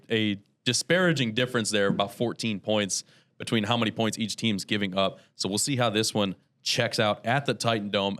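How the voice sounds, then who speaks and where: A man hosting a local sports show, brisk and upbeat as he runs through the game schedule. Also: lowish voice, fairly bright tone.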